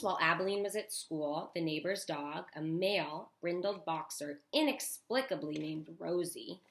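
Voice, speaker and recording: A woman teacher reading a storybook aloud to children, expressive, with chatty asides. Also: on the low side. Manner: animated, with chatty asides to young listeners.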